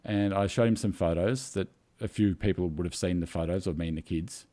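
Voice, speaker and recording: Man, emotional storyteller, tearful, low-pitched. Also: fairly quick, dark tone. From Australia. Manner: emotional storytelling, rambling with fillers. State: tearing up. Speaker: co-host. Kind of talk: casual video chat.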